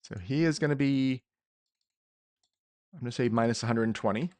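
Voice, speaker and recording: A man running a tabletop game as game master, making deliberate rulings and correcting himself as he goes. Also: medium pitch, darkish tone, no room sound.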